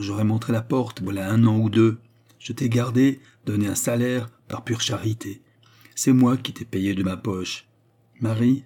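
A man's voice: on the low side, husky. A man voicing a domineering older man who berates and threatens his brother, in a storybook reading. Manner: threatening, forceful.

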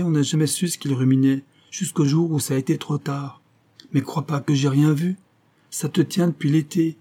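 A man's voice: mellow, breathy edge, lightly acted. A man voicing a proud, severe old peasant grandmother who speaks bitterly and reproachfully in a raised voice. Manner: pleading, bitter, raised pitch.

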